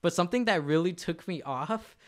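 A young man with a fairly high voice rambles through a story on a casual podcast. His telling is loose and packed with fillers and self-corrections. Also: lively intonation, fairly quick, a bit bright. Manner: rambling, many fillers and laughs. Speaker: podcast co-host.

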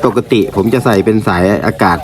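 A man giving a polite, informal product presentation as a shop presenter, explaining and repeating his points. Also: brisk. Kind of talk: informal product review to camera. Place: indoor room used for recording videos. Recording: clear background noise in room.

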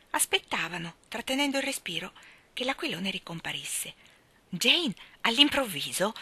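Expressive woman reading a storybook. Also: medium pitch. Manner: expressive, hushed in quiet passages. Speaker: narrator. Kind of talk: audiobook reading.

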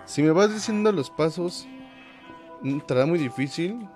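A man's voice: fairly high pitch, expressive, a little slow, darkish tone. A man with a Mexican accent chatting casually and joking with his viewers while he plays, swearing freely. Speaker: game streamer. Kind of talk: casual live-stream chat while playing. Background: game music.

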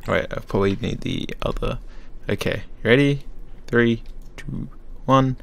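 Gravelly man in laid-back game banter. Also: mid-range voice, measured pace, noisy background. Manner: laid-back, swears casually. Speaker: gaming channel host. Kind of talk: casual gameplay banter. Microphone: desktop microphone for voice chat.

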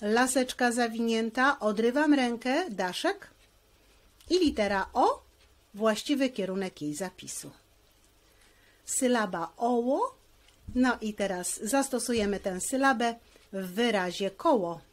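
A woman's voice: on the high side, expressive, measured pace, long pauses. A woman teacher giving a handwriting lesson, explaining each stroke patiently, step by step.

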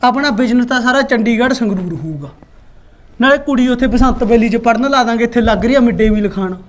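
A woman's voice: on the high side, lightly acted. Woman playing a bragging village husband. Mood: irritated. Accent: Indian Punjabi. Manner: bragging, bickering, rapid comebacks. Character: boastful scheming village husband, middle-aged man. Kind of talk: comedy skit acting.

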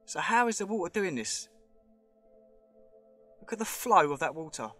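Over soft background music, a man with a high-pitched, expressive, slightly bright voice speaks at a moderate pace. He vlogs his way through an underground show cave on a handheld camera, chatting, rambling, speculating, and pointing things out.

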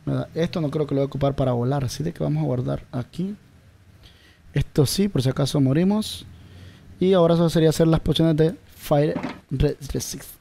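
A man's voice: a little high, a little fast, creaky, dark tone. A man giving casual gameplay commentary, talking straight to his viewers and searching aloud for words. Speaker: gameplay video creator.

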